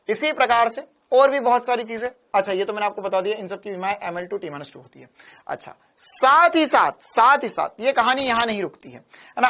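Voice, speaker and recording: A man's voice: extremely high pitch, fairly bright tone. A man from India teaching physics in a lecture style. He is playful and repeats phrases in a rhythmic way.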